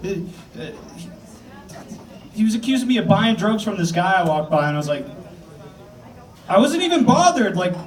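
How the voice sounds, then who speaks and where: A man's voice: high-pitched, recorded from a distance. A man from the South Shore of Massachusetts doing a stand-up comedy set in a club, crude and rambling, laughing at his own jokes.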